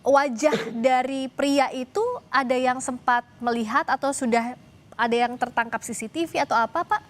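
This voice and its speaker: A woman's voice: high-pitched, steady tone, normal speed. A woman conducting a news interview, asking questions politely and carefully. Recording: clear background ambient noise.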